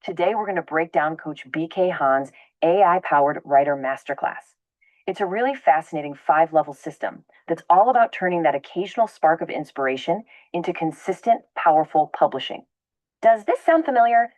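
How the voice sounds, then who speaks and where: A woman's voice: fairly low pitch, lively intonation, fairly quick, darkish tone, dry recording, rough recording. A woman narrating a scripted explainer video in an upbeat, conversational presenter tone.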